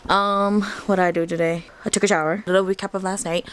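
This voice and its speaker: A young adult woman vlogging in a casual, gushing style, full of slang and excited asides. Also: medium pitch, quick pace. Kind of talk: casual vlog chat.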